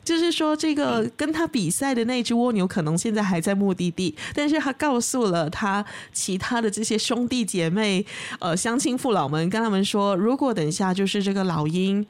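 A woman podcast host with a Malaysian Mandarin accent, retelling a folk tale in a lively, chatty way. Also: medium pitch, moderate pace. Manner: lively, animated retelling with frequent fillers. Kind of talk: conversational storytelling.

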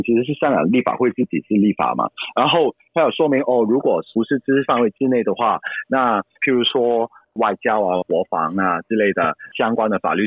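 A man with a Cantonese accent in his Mandarin, giving explanatory interview answers as an expert guest in a measured, hedging way. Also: fairly low pitch, slightly rough, no room sound, narrow, tinny audio.

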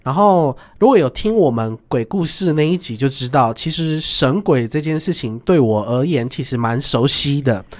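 A man's voice: mid-range voice, lively intonation, moderate pace, hardly any pauses. A young man with a Taiwanese Mandarin accent, hosting a podcast and telling a story casually and animatedly, laughing often and acting out the voices in it. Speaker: podcast host.

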